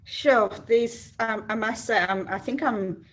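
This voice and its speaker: A woman's voice: a little high, takes it slowly. A South African woman, an HR executive, answering interview questions earnestly with frequent ums and restarts. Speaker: HR executive, guest.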